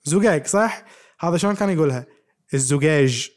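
A man's voice: a little high, quick pace. A man chatting as a podcast co-host, playful and quizzing his friend. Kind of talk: casual chat.

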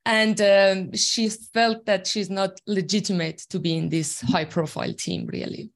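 An Iranian woman who leads a tech team and speaks Farsi as her first language talks as an interview guest, unhurried and with fairly even intonation in a mid-range voice. Her explanations come earnestly from her own experience, peppered with fillers.

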